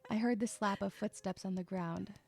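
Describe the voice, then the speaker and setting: A sobbing woman narrates a first-person audio drama as a troubled, sarcastic, irritable young female loner, sighing expressively. Her voice is mid-range and gravelly at normal speed, and it sounds natural.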